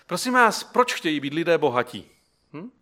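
A man gives a sermon in a bright, forceful voice that sits somewhat high for a man. He keeps asking the congregation rhetorical questions. He uses an everyday story to make his point. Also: big pitch swings. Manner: asks the listeners rhetorical questions; tells an illustrative story to the audience. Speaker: preacher.

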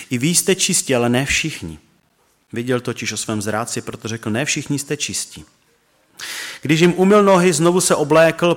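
A man preaching a sermon and reading scripture aloud, earnest and reverent, slowing and dropping low on key words. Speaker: pastor.

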